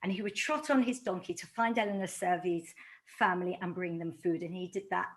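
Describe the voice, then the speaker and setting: A woman's voice: fairly low pitch, fairly quick. A middle-aged woman from London, an author giving a talk to a community audience, telling stories with animation and acting out quoted exchanges. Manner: animated storytelling, acts out quoted dialogue.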